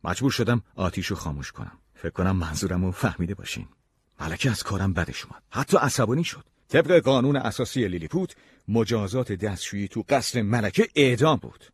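A man narrating an audiobook story in the first person with expressive storytelling. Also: fairly low pitch, breathy edge.

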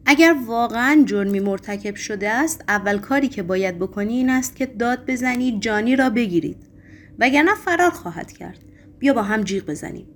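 A woman's voice: a little high, animated, lightly acted. A woman playing a sly meddling choirmaster. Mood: gleeful. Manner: loud, eager, mocking delivery.

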